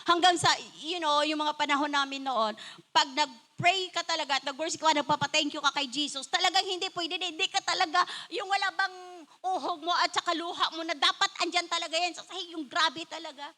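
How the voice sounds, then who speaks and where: An older woman with a Filipino accent preaches a sermon in an animated, conversational way, switching freely into English. Her voice sits very high, with a bright, forceful edge. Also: a little fast.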